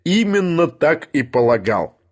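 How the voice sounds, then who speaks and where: A man reading an audiobook, voicing an imperious, irascible older professor who lectures, mocks and thunders, with a husky voice. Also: mid-range voice, expressive, normal speed. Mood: ironic. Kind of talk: audiobook character voice.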